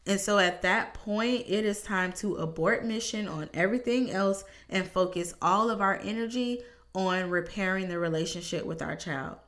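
A woman giving an earnest, measured talk on parenting, speaking with emphasis and deliberate pauses. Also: mid-range voice, fairly bright tone.

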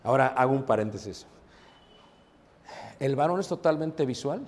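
A man with a Mexican accent preaching a sermon, conversational and lively, often asking the congregation questions. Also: medium pitch, normal speed. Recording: long hall reverb.

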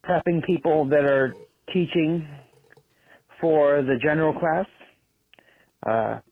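A man's voice: on the high side, slow, no echo. A man leaving a rambling, chatty voice message that is played back from a phone voicemail, with many ums and uhs. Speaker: listener leaving a voicemail for the podcast. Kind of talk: casual voice message. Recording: tinny phone-line voicemail.

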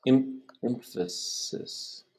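Halting man learning to recite in Spanish. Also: a little mellow. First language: English. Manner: halting, repeats words syllable by syllable. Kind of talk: practicing poetry recitation in a lesson.

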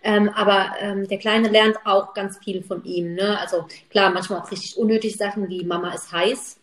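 A woman guest talks openly about family life in a casual chat. Her voice is middle-pitched, and there is a clear roomy echo around it. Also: level tone, moderate pace. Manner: open, candid, many fillers. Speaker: podcast guest.

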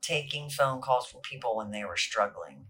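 A woman's voice: very deep voice, animated, moderate pace, a bit bright. A woman guest talking in a casual interview, earnest and chatty, with lots of fillers and easy laughs. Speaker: podcast guest, recovery alumni coordinator.

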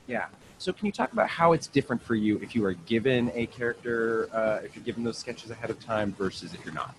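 A man's voice: fairly low pitch, expressive, fast. A man who hosts the interview and works as an on-camera acting coach, asking long, thoughtful questions. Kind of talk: interview conversation. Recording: noisy background ambience.

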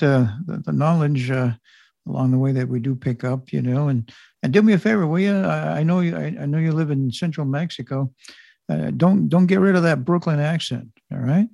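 A man hosting a casual interview in a folksy, halting way. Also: mid-range voice, vocal fry, mellow, no echo. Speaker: podcast host.

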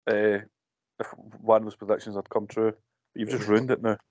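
A man's voice: on the low side, flat delivery, moderate pace, darkish tone, muffled recording. A man co-hosting a casual movie podcast, blunt and sweary, often laughing. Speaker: podcast co-host.

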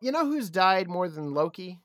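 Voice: mid-range voice, very animated, moderate pace, a bit bright. An enthusiastic podcast co-host chatting casually and explaining cartoon history.

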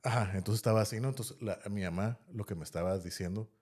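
A fast talker with a Mexican accent, this man has a lowish voice that's a little mellow and slightly rough. He's a podcast host telling a rambling story in casual chat, finishing sentences with "¿no?" and "así."

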